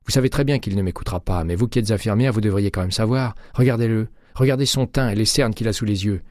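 A man's voice: fairly low pitch, fast, darkish tone, no room sound, studio quality, pitched above the performer's own voice, lightly acted. A man voicing an angry middle-aged woman doctor who scolds her patient, reading an audiobook. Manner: scolding, clipped and indignant.

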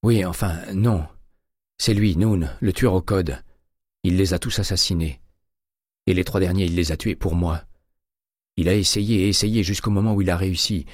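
A man's voice: sits low, moderate pace, pauses often, darkish tone, dry recording, studio quality. A man voicing a shaken male investigator in an audiobook, agitated and insistent. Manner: agitated, insistent, rising to exclamations. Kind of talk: audiobook character reading.

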